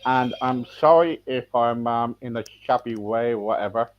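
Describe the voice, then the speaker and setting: An English podcast host greets listeners and introduces his guest in a casual, radio-style interview, rambling loosely with plenty of fillers and restarts. His voice is medium-pitched at normal speed, and the sound is slightly dull and lo-fi.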